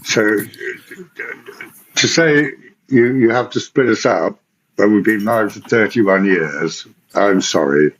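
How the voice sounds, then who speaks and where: A man's voice: lowish voice, slow, pauses often, fairly bright tone, slight background noise, poor audio. A man in his fifties joining a stream chat, good-humoured and easygoing. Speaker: stream participant. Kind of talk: casual chat.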